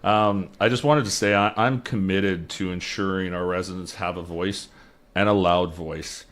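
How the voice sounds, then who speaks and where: In a radio studio, a young man from BC's Lower Mainland who is running for election answers interview questions into a studio mic mounted on a boom arm. He speaks low and at a moderate pace, his intonation fairly even and tone fairly bright. Earnest, he keeps restarting words while he thinks.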